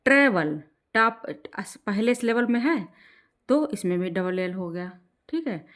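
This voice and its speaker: A woman teaching an exam-prep grammar lesson in Hindi, slowing down when she reads rules aloud and often checking in with "ठीक है". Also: medium pitch, lively intonation, a bit bright. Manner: explains in Hindi, slows down to read English rules aloud; repeats "ठीक है" to check in with learners.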